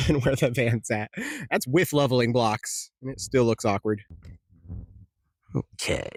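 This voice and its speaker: Relaxed, chatty male travel vlogger. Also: medium pitch, dry recording. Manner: relaxed, chatty, easily impressed. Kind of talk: casual travel vlog narration. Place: desert campsite and caves outdoors.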